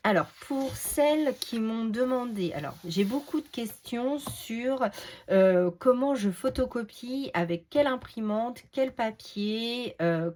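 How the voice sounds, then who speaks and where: A woman hosting a casual unboxing vlog, chatty and halting, full of fillers. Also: on the low side, darkish tone. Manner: chatty, frequent "euh" and "donc" fillers; hesitant, halting delivery. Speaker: craft video host.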